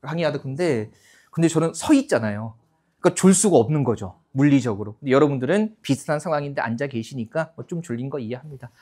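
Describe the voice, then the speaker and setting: A man's voice: medium pitch, fast talker. A man in his fifties lecturing a class of exam-takers, chatty, checking in with the room and acting out students' lines. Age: 50s. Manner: animated, acts out students in put-on voices.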